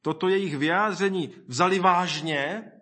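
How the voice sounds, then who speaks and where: Here a high-voiced man reflects out loud during his sermon, reciting scripture and voicing the words of others with plenty of energy.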